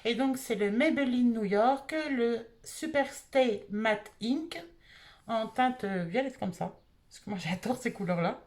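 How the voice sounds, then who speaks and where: A married French woman, an adult beauty vlogger, casually reviews beauty products she bought, thinking aloud with lots of fillers. Her voice is fairly high and darkish in tone, and she speaks slowly.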